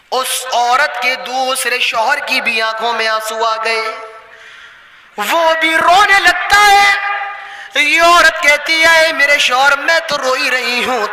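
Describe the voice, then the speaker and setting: A man's voice: very high voice, big-room sound. A man preaching a sermon, telling a moral story with sung, repeated phrases. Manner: chanting, repetitive storytelling sermon.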